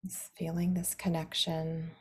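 In a deep, monotone voice and at a measured pace, a woman directs a guided meditation soothingly. Now and then she eases into a breathy, barely-there whisper.

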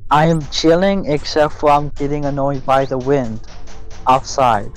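Off-camera friend, man, slow, dry teasing remarks. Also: mid-range voice, faint music behind. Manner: laid-back, teasing, few words. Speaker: friend watching the game. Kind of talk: casual chat.

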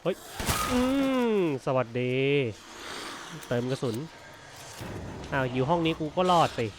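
Over a noisy background, a streamer with a medium-pitched male voice talks at a measured pace while playing a horror game demo. His casual let's-play commentary mixes muttering to himself with excitable, startled, jumpy outbursts.

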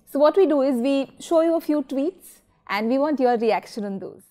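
A woman hosting an interview, moving briskly between segments. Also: high voice, animated, dark tone. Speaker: interviewer, show host.

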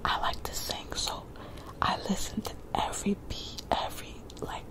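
A woman in her twenties doing laid-back, rambling ASMR chat in a breathy whisper, close to the mic, softly repeating her phrases. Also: moderate pace, poor audio. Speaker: ASMR creator. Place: small bedroom, lying in bed. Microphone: desk condenser microphone very close to the mouth.

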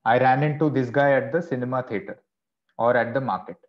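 A man teaching an online class at a middle pitch, walking through each option calmly. He checks in often with a quick "okay" or "right". The audio is dull and lo-fi.

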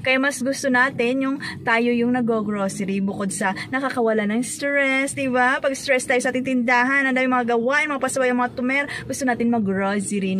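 A woman's voice: fairly high pitch, fairly bright tone, slight background noise. A woman in her thirties vlogging in a bubbly, playful way from inside a parked car, speaking into a phone held at arm's length. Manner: bubbly, playful, laughing often, sing-song greetings. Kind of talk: casual chatty vlog. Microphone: phone camera held at arm's length.

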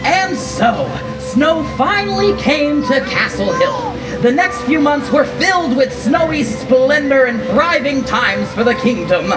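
A woman's voice: high-pitched, expressive, measured pace, rough recording. A woman playing an eager, plucky wizard's helper and storyteller in a live children's show, projecting to the audience. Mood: excited. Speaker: live show performer and narrator. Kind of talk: live children's stage comedy. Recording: live show with music and crowd.

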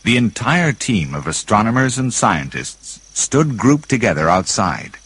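A man's voice: fairly low pitch, big pitch swings, a little slow, a bit bright, breathy edge. A man reading a read-along storybook in a dramatic, vivid narration.

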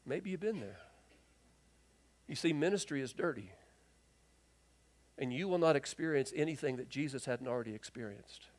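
A man preaching a sermon as pastor, acting out the people in the passage with lively voices and dropping to a quiet, earnest tone for his key points. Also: medium pitch. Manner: animated storytelling, acts out the people in the text in quick lively voices. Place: church sanctuary.

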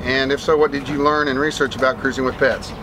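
Man, 40s, plain-spoken sailing vlogger, outdoor deck sound, boat noise clearly behind. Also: medium pitch, flat delivery, fast. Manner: rambling, restarts and fillers, plain-spoken. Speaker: sailing vlogger answering viewer questions. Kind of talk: casual talk to camera. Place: outdoors on a sailboat deck in a bay. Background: boat and water ambience.

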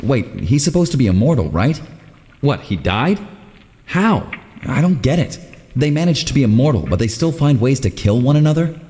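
A man voicing a lively curious ruin explorer. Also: mid-range voice, moderate pace, in a large hall, natural voice. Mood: puzzled. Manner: muses aloud, puzzling over clues. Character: curious male explorer in ancient ruins with his dog. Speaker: game protagonist. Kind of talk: video game voice acting.

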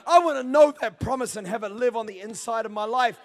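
A high-pitched man in his thirties preaches with fervour on a church stage, dropping to near-hushed phrases and then climbing to shouts. His voice rings through a long hall reverb from a handheld mic. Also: fast. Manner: passionate, swings between hushed and shouting. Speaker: pastor. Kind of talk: sermon.

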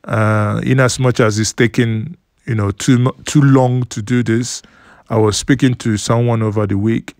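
A man giving an unhurried voice-over commentary on photos, explaining things at length with fillers and restarts. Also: mid-range voice, fairly even intonation, a little mellow, no echo, studio quality. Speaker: news commentator. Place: studio voice-over, not at the pictured site.

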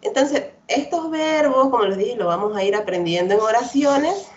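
A woman's voice: a little high, lively intonation, moderate pace, a little hiss or hum. Woman, online English teacher; patient, repetitive, checks in a lot; muffled call-quality sound. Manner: patient, repetitive drilling, frequent "¿verdad?" checks. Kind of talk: online class lecture. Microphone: computer mic on a video call. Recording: dull lo-fi video call audio.

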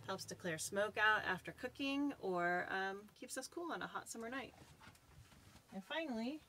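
A woman's voice: medium pitch, fairly bright tone. Woman presenting inside a small trailer, noisy background. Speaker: vlog co-host. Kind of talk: explanatory vlog presentation to camera.

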